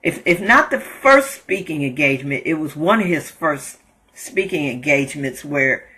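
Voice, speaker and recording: Bright, lively, slightly husky storyteller. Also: medium pitch, moderate pace. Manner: laughs often while retelling a story; repeats and restarts phrases. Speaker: host sharing inspirational thoughts. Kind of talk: casual storytelling monologue.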